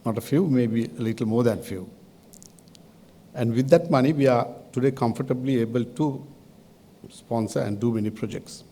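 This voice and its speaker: An older man with a Sri Lankan accent delivers a formal podium speech as a chairman, in measured, halting phrases with deliberate pauses. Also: mid-range voice, dark tone, slight background noise. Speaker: advisory committee chairman giving a welcome address.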